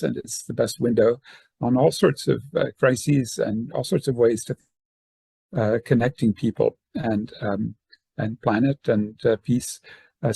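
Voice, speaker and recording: An older man, born in Northern Ireland and raised in the southern United States, gives a semi-formal conference talk over a video call as an academic and activist. His phrasing is discursive and hesitant, and his medium-pitched voice is creaky, warm, and husky in a dry recording.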